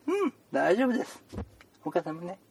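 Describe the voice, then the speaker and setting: A man's voice: sits high, huge pitch swings, fairly quick, vocal fry, darkish tone, slight background noise, full character voice. A man playing a chatty male doctor who rambles with puns and mock-stern scolding, in an improvised comedy role-play. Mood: playful. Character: chatty joking male doctor seeing patients.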